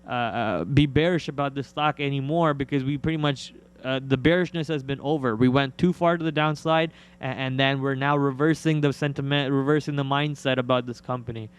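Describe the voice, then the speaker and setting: Clear-voiced man hosting casual trading chat. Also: mid-range voice, steady tone, a little fast, hardly any pauses. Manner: informal, slangy banter. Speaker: live stream trading host. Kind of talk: casual market commentary, answering viewer questions.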